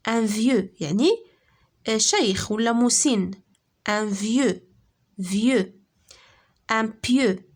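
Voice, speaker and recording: A woman with a Moroccan accent teaching a primary French lesson. She says words slowly and clearly, then explains quickly. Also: medium pitch. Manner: slow, drawn-out word modelling mixed with quick explanations. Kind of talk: classroom lesson.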